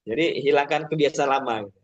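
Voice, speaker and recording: Speaking fast at medium pitch over a muffled recording, a man gives an informal public speaking webinar. He walks through it step by step, often ending sentences with a filler, and acts out shouting teachers and chirpy call-and-response.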